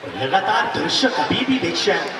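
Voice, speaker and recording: A man shouting live football commentary and crowd announcements at an outdoor ground, heard over loudspeakers. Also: high voice, sing-song, normal speed, background noise. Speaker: match commentator. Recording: echoey loudspeaker sound from far off.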